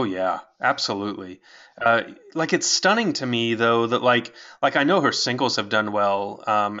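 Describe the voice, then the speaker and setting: A man's voice: medium pitch, bright, forceful tone, lo-fi sound. A man co-hosting a podcast in a casual music chat, rambling with lots of filler words. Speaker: podcast co-host.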